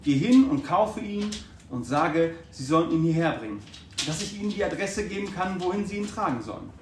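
A man's voice: a little high, brisk. Male reader doing a giddy old miser, exclaiming, roomy distant recording. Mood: eager. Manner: excited, exclaiming. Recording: echoey room, distant mic, faint noise.

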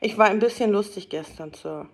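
A woman's voice: mid-range voice, fairly quick, breathy edge. A woman doing a timid apologetic clerk. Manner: apologetic, deferential.

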